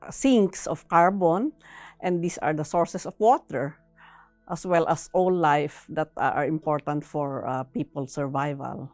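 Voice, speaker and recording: A woman answers interview questions with explanations, speaking in a measured, halting way and sometimes tagging phrases with a questioning "no." Her voice sits low with a darkish tone, and there is no echo.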